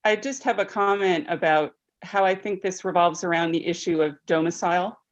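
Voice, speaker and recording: A woman calls in to a public meeting over a crackly, breaking-up phone line that sounds muffled and distant. Her voice sits a little low, and she speaks hesitantly, restarting as the connection drops. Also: fairly even intonation, moderate pace. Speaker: member of the public commenting. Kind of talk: public comment at a town meeting. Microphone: remote call in to the meeting.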